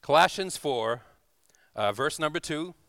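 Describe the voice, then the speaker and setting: This visiting preacher's voice is a little high, gravelly, bright and forceful, moving at a measured pace with lively intonation, in clean studio sound without room tone. Speaking live in a church, he gives an informal, conversational sermon with scripture reading and prayer, often checking in through little tag questions.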